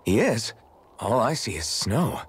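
A man's voice: lowish voice, sing-song, a little slow, breathy edge, full character voice. A man voicing a kind, sincere young male swordsman in a video game.

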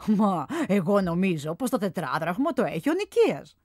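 A woman's voice: lowish voice, sing-song, darkish tone, dry recording, clean studio sound. A woman doing a self-assured amused statesman. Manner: sure of himself, amused. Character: confident, amused older Athenian statesman.

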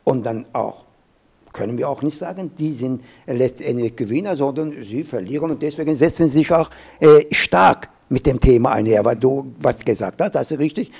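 A man in his fifties from Iran, speaking German with an Iranian accent on a panel, with halting restarts and fillers, holding a handheld mic. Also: medium pitch, vocal fry, darkish tone, husky. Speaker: professor, panel guest. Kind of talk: panel discussion. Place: small event studio with glass wall.

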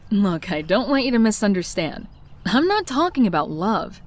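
Here Mary Jane, a fiery but guarded young woman, is voiced by a woman with a medium-pitched, sing-song delivery at normal speed. In this comic dub's narration and dialogue, she shares her story heartfeltly, as if confessing.

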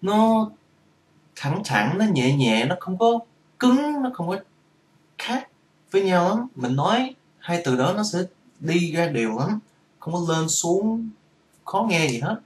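A man's voice: high-pitched, big pitch swings, takes it slowly, long pauses, echoey room. A man giving a casual vlog lesson on English pronunciation, patiently explaining and repeating each sound to demonstrate it.

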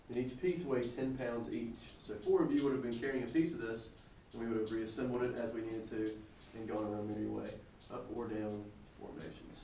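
A man's voice: medium pitch, darkish tone, slight background noise. A man leading a cave tour with an easygoing manner and light jokey asides, his voice ringing with cave echo. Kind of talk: guided tour talk. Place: inside a large cave chamber. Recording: echoey cave recorded from a distance.

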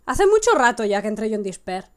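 A young woman with a Spanish accent giving excitable live gameplay commentary, swinging from hushed coaxing to sudden shrieks. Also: medium pitch, fast. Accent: Spain Spanish. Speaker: gaming streamer.

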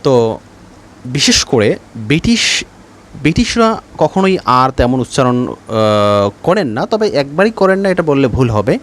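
A man teaching English pronunciation in a spoken lesson, hesitant with fillers, repeating example words slowly. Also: mid-range voice, very animated.

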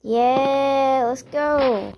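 A woman chatting casually while she plays a video game, exclaiming at mishaps and apologizing for yelling. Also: sits high, fairly even intonation, very slow, faint music behind. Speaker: gameplay streamer. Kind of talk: casual gameplay commentary. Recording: noisy home recording.

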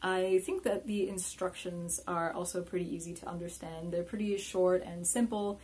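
A woman's voice: fairly low pitch, steady tone, moderate pace, husky. Woman reviewing solo board games. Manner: quiet and muttering while playing, chatty and upbeat when reviewing.

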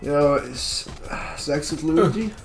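A man chatting with friends over a video game, answering hesitantly with many pauses and fillers. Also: fairly high pitch, expressive. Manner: hesitant, full of ums and uhs. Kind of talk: casual chat while gaming.

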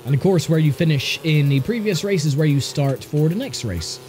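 A man with a higher-than-average voice and lively intonation speaks fairly quickly in a darkish tone, sounding congested and stuffy from a sinus infection. He's a gaming YouTuber offering dry, wry, casual commentary on the racing game he's playing. Game music plays, with slight background noise.

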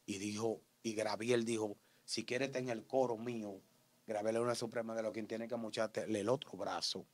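A man with a Dominican accent giving an interview testimony in street slang, acting out shouts and gunshots as he tells it. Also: lowish voice, normal speed. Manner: animated, acts out shouts and gunshots.

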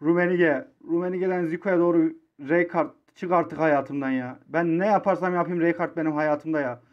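A man in his twenties from Turkey, commentating live on his own mobile football match, swinging between low muttering and excited shouting. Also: moderate pace, highs cut off. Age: 20s.

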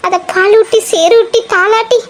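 A woman voicing a crying young married wife in an animated family drama, pleading and longing for a child. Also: extremely high pitch, normal speed. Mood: tearful pleading. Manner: pleading, repeats "enna-nga" often.

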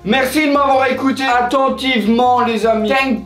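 A man playing a joking airline captain over the cabin loudspeaker. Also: very high-pitched, steady tone, normal speed, over music. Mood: mock-formal. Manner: mock-formal, slipping into slang and broken English. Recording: echoey, distant from the mic.

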